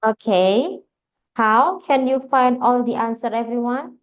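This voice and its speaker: A woman with an Indonesian accent teaches English in a casual online class, chatty, laughing often and switching between languages. Her voice is a little high and clean, at a measured pace, over dull lo-fi call audio.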